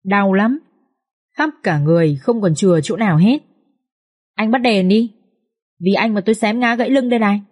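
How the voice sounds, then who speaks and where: A woman's voice: medium pitch, moderate pace, long pauses, darkish tone, lightly acted. A woman voicing a bold, spirited young wife who scolds and complains in an audiobook. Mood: complaining. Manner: indignant, scolding. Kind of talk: audiobook character reading.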